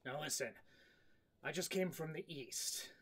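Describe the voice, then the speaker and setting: A man's voice: fairly high pitch, unhurried, fairly bright tone, breathy edge, heavily acted. A man playing a bold, bluffing female half-orc emissary in a tabletop game, assertive and improvising. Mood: firm. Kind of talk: improvised tabletop role-play.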